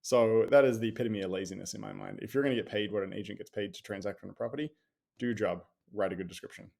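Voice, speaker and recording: Speaking with an Australian accent, a real estate commentator gives a casual, wry critique of property listings, packed with sarcastic asides and fillers. His voice is on the low side, gravelly and a little mellow.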